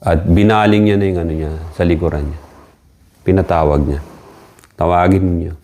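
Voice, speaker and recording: A man's voice: low-pitched, steady tone, moderate pace, warm tone. A man with a Filipino accent preaching a sermon, switching between Filipino and English, repeating key words and rising for quoted cries.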